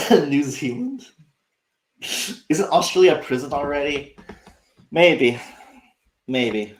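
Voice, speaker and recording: A slightly high-voiced man rants sarcastically on a livestream, cursing as he goes. He rambles, restarts his sentences and talks straight to his viewers. His voice rings around a roomy, echoing space. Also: expressive, slow pace, pauses often. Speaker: livestream host. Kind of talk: casual livestream rant.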